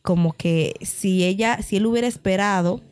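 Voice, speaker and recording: A woman co-hosting a podcast in a mid-range voice. She talks in a relaxed, hesitant way, full of fillers and restarts as she works out her thoughts. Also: mid-range voice, moderate pace, clean tone. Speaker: podcast co-host. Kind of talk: casual podcast chat.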